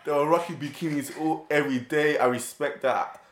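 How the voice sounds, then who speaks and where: A man's voice: fairly high pitch, fairly even intonation, fairly quick, a bit bright. A man in his early twenties with an urban London roadman accent, bantering casually and bluntly in heavy slang. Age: early 20s. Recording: echoey room.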